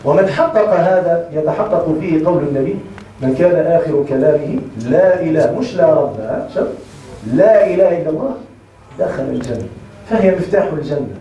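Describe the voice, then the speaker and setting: A man's voice: high-pitched, warm tone. A man with a Tunisian Arabic accent teaching a class on Islamic creed. He keeps stopping to check that his students have understood. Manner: checks understanding often with rhetorical questions. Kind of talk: classroom lecture. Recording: echoey room, mic far off.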